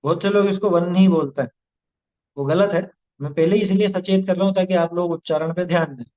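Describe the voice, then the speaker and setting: A man teaching a devotional hymn who slowly chants its Sanskrit verses, then patiently explains each word and its pronunciation. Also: high voice, steady tone, a little mellow. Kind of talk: verse-by-verse recitation and pronunciation lesson. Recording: slightly dull lo-fi recording.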